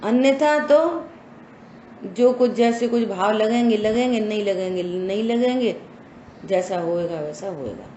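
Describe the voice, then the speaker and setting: Woman, religious teacher, slow emphatic lesson, rhetorical questions, echoey room, faint background hum. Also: medium pitch, warm tone, dull audio. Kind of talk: scripture study talk.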